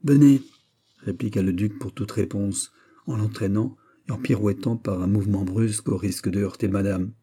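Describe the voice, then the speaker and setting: A man narrating a classic novel in a measured storytelling manner. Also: on the low side, fairly even intonation, dark tone, breathy edge. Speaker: audiobook reader.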